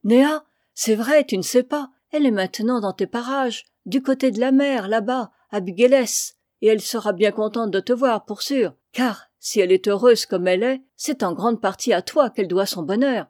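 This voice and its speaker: A woman voicing a talkative old farm wife who speaks briskly and exclaims often. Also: medium pitch, a little mellow, dry recording, clean studio sound, close to an everyday voice. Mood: chatty. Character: old farm wife, chatty and warm-hearted.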